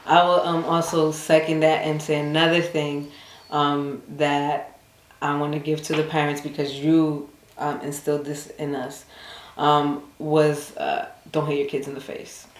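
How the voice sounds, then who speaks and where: A woman's voice: deep voice, flat delivery, a little slow. A woman, a guest on the show, speaking in a frank and emphatic way during a casual conversation. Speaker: guest, adult daughter. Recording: echoey room.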